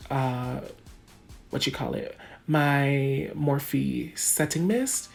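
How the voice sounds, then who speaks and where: In a makeup tutorial filmed under bright lights at home, a beauty vlogger with a Jamaican accent talks straight to her audience, addressing them as "guys" and laughing a lot in a casual, chatty way. Her voice is low and somewhat dark in tone.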